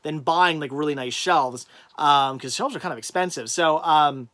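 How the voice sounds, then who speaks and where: In a bright, forceful voice that runs a little high, a man who is an adult with a child reads viewer comments on his laid-back livestream. He answers at normal speed but rambles, restarting often.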